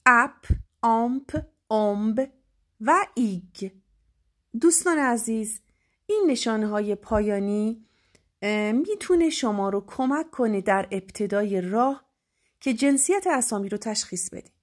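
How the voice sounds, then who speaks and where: A woman's voice: on the high side, lively intonation, darkish tone. A young woman teaching French pronunciation, spelling word endings letter by letter and then saying the sound. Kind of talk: slow spelled-out pronunciation lesson.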